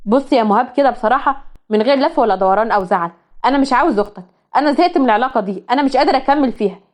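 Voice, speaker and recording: A woman's voice: a little high, rapid-fire, a little mellow, close to an everyday voice. A woman with an Egyptian accent voicing an unfaithful young man who is fed up and dismissive. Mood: defensive. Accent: Egyptian Arabic. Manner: defensive, dismissive.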